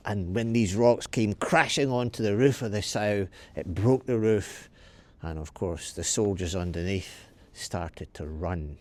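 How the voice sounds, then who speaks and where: A man with a lowish voice tells a children's story in a dry recording, explaining as he goes and pausing to pose questions and answer them himself.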